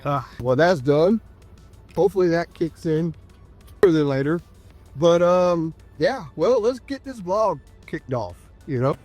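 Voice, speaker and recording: Congested, nasal man vlogging, slightly high voice. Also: expressive, a little slow, darkish tone, soft background music. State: sick with a cough and congestion. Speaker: trucker vlogger. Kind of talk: casual vlog chat to viewers.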